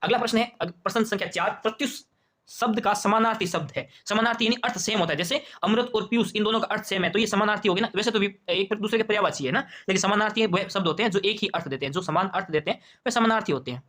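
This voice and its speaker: A man's voice: sits high, fast, a bit bright. A man with a Rajasthani Hindi accent walking through an exam paper as a teacher, asking questions aloud and repeating them. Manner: quizzing, repeats questions and answers to himself. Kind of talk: exam paper walkthrough lesson.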